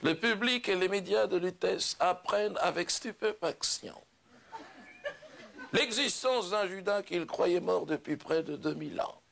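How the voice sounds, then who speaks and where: A comedian playing Judas, a solemn ageless wanderer, in a slow, grandiose stage monologue. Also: male voice, high-pitched, gravelly, fairly bright tone, a little hiss or hum, exaggerated voice. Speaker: stand-up comedian.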